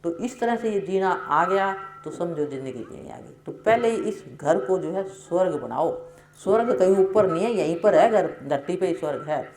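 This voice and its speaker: A woman's voice: on the low side, animated, moderate pace, noisy background. A woman giving a devotional sermon, telling homely stories in an earnest, folksy way. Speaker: satsang preacher. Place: ashram hall. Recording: roomy hall echo.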